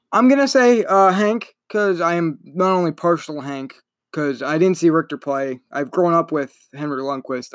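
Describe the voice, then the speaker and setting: On his solo sports podcast, a young man talks in a loose, chatty, rambling way, stopping to correct himself as he goes. His voice is a little high for a man, and the recording is dry and close with no room sound.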